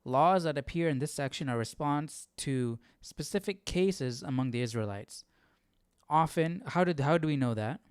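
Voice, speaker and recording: A man with a fairly high, clean and resonant voice hosts a livestream Bible study, speaking expressively at normal speed. He alternates reading aloud with questions, off-the-cuff remarks and thinking aloud, often checking that listeners agree. The recording is clear, dry and close, with no room sound.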